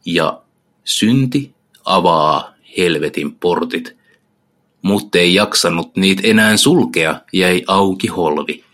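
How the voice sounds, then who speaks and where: Brief: low-pitched man, casual slangy explainer of old poetry, lots of ums. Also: fairly bright tone. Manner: enthusiastic, slangy, frequent filler sounds. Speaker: literature explainer. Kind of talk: casual retelling of an epic poem.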